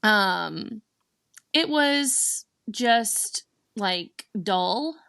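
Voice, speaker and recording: A young woman co-hosting a podcast, chatting in a relaxed, agreeable way. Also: medium pitch, drawn-out words, vocal fry, smooth, no room sound, studio quality. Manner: relaxed, agreeable, frequent laughs and backchannels. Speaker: podcast co-host. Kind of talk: casual chat recap.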